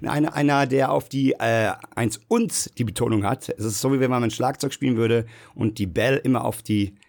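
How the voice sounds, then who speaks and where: A man's voice: mid-range voice, moderate pace, vocal fry, a little mellow. A man co-hosting a podcast in casual, slangy chat, rambling a little with fillers. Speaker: podcast co-host.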